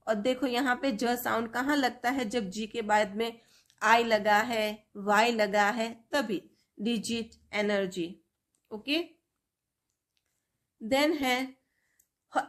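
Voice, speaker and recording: Woman, English phonics lesson, slow word-by-word drilling, slightly high voice. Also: fairly bright tone. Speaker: English teacher.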